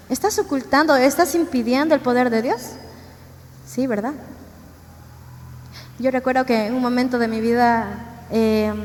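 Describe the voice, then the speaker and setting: A woman preaching a sermon, giving an earnest, conversational testimony and asking the congregation questions. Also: fairly high pitch. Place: church. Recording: church hall reverb, faint ambient noise.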